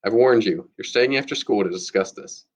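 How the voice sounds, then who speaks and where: A man's voice: lowish voice, normal speed, natural voice. A man reading aloud, voicing a firm, warning middle-school math teacher in a storybook, on a dull lo-fi recording. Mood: stern.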